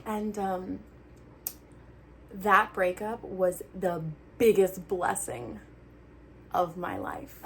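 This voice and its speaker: A young adult woman talking casually to camera like a friend, earnest and animated, sometimes dropping into soft asides. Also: medium pitch, very slow, pauses often, slight background noise. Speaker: vlogger giving breakup advice. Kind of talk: casual heart-to-heart chat to camera.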